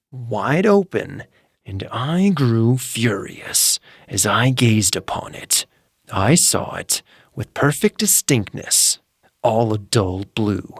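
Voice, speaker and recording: A man with a fairly low voice narrates a grim story as a dramatic audiobook meant for sleep, slow and theatrical, his pitch ranging widely. He moves from hushed murmurs to sudden, intense outbursts. The recording is close and dry, without echo or any sense of room.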